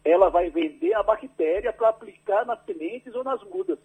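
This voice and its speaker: A man sitting high in pitch, slightly rough, talks at normal speed as an interview guest, an agricultural researcher walking a radio host through his findings. He calls in on a landline, staying patient and careful and often tacking on "right?" as a question. The audio comes across narrow and tinny.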